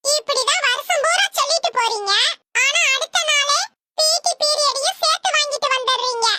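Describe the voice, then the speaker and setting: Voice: very high voice, normal speed, bright, forceful tone, a little hiss or hum, full character voice. A performer voicing a cheeky wisecracking schoolboy who talks back to his teacher in a comedy cartoon.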